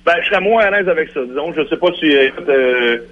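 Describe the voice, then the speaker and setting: A man's voice: on the high side, animated, fast. A man with a Quebec French accent, a radio guest arguing insistently in a heated debate. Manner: insistent, argumentative. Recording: lo-fi radio broadcast.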